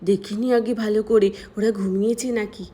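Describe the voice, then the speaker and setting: A woman's voice: mid-range voice, steady tone, moderate pace, warm tone, voice pushed down, close to an everyday voice. A woman voicing a sulky, stubborn little girl who misses her dad, in a doll-play story. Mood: sneaky. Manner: pouty, whiny child voice.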